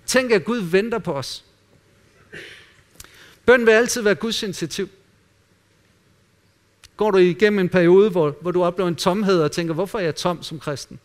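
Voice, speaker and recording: A man preaching a sermon in an earnest way, dropping at times to quiet, intimate asides. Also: high voice, long pauses. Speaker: pastor.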